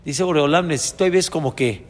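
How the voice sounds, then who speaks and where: Rabbi preaching slow, kinda high voice, long hall echo. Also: male voice. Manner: animated, acts out dialogues between father and son. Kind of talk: sermon.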